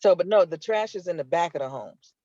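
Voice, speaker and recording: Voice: medium pitch, lively intonation, brisk, warm tone, no room sound, dull audio. A community member asking pointed questions at a neighborhood meeting over a call connection that keeps breaking up. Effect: patchy call connection that breaks up.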